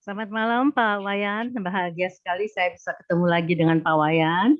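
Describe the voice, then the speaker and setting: A middle-aged woman speaking earnestly over tinny, phone-like audio. Her voice is slightly low, and she pauses with fillers as she shares something personal with the speaker. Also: fairly even intonation. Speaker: caller sharing a personal story. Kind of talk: emotional personal sharing.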